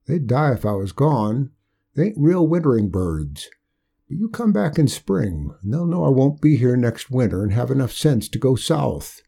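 A man's voice: mid-range voice, big pitch swings, normal speed, gravelly, warm tone, slightly rough, full character voice. A man voicing a stubborn, folksy old backwoods man with a drawling country way of talking. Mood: pleading. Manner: drawling country speech, raised and insistent.

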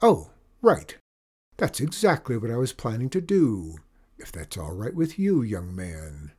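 A man's voice: medium pitch, very animated, a little slow, warm tone, husky. A man playing a flustered old king. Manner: flustered, stammering. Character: flustered, henpecked older king.

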